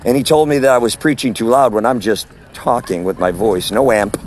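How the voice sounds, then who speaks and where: Walking outdoors at a farmer's market, a man who preaches on the street speaks loudly into his phone, recording an audio message. The cadence is forceful and sermon-like, his mid-range voice brisk, with slight background noise around him.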